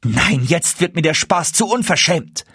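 A man's voice: on the high side, expressive, a little slow, sharp tone, breathy edge, dry recording, studio quality, voice pushed up, full character voice. A man voicing an angry, scornful market woman in a storybook reading, scolding indignantly. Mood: indignant, mocking. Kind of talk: storybook character voice in a fairy tale reading.

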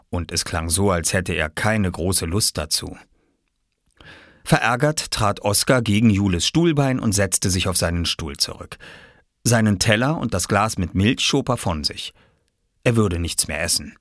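A man reading a children's story aloud, with a lively, widely swinging voice. The sound is dry and close with no room to it. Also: sits low, measured pace, dry recording. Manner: expressive storyteller. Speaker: narrator.

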